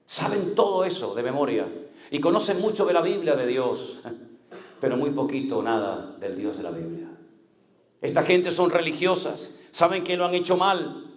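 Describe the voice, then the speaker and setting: A man with a high voice and a Canary Islands Spanish accent preaches a sermon. He moves from loud, raised calls to quiet, low-pitched asides. His delivery is dramatic, with sudden changes in loudness. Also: animated, moderate pace, echoey room. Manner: dramatic, swings from loud high cries to low hushed tones. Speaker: pastor.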